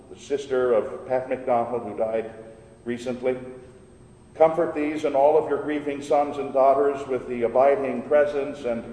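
A man leading liturgical prayers in a measured, solemn way, his voice ringing with a cathedral echo. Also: dark tone. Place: large church. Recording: echoey hall with long reverb, faint rumble.

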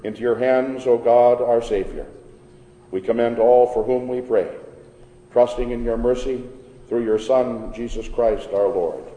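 A pastor reading prayers in a measured, solemn way, his voice carried by a cathedral echo. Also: medium pitch, fairly even intonation, warm tone. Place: large church. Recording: reverberant church hall with organ.

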